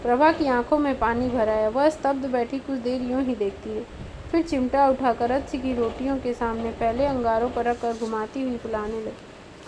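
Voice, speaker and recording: High-voiced woman audiobook reader. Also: darkish tone, slight background noise, low-quality recording. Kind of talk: audiobook narration.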